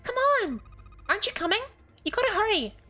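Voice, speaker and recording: A woman's voice: very high voice, big pitch swings, a little fast, sharp tone, faint music behind, pitched above the performer's own voice, heavily acted. A woman playing a small, peppy young girl with chirpy, urgent speech in a visual novel game. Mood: eager urgency. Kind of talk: voiced visual novel dialogue.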